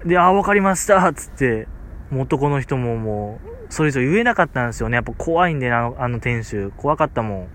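A man's voice: mid-range voice, expressive, fast talker, a little hiss or hum. A man with a Kansai accent who tells a casual story on a podcast, rambling with many fillers. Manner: rambling, filler-heavy, amused. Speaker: podcast host.

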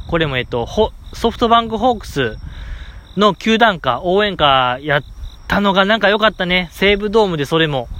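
Brief: high-pitched male podcast host with a Kansai accent, chatty, excitable fan rambling. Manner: rambling, enthusiastic fan chatter with frequent fillers. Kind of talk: casual solo podcast talk.

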